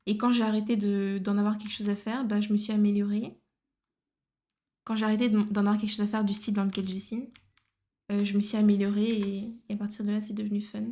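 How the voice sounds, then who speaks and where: Speaking at a medium pitch with a warm tone, this art livestreamer chats casually while she draws. She slips English phrases into her talk and mutters to herself as she works.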